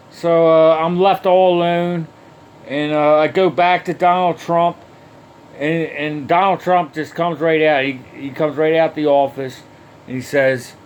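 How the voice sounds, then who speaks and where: Slow, rambling, foul-mouthed man. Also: a little high, a little hiss or hum. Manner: heavily profane, rambling, with frequent restarts and fillers. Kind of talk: rambling first-person story monologue.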